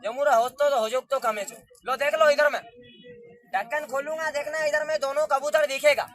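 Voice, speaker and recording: A man performing as a street magician, loudly coaxing and commanding the crowd around him in a patter. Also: extremely high pitch, fairly even intonation, normal speed, very noisy.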